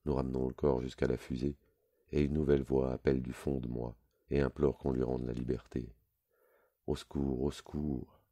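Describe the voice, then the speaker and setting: A man reading a literary story aloud in a measured, low, intimate way. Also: level tone, warm tone. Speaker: reader.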